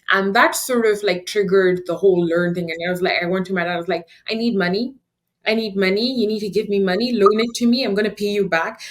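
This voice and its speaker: Young woman from afghanistan, guest on an interview, chatty and animated, laughs a lot and acts out quotes. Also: mid-range voice. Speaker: guest, nonprofit founder. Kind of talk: conversational storytelling.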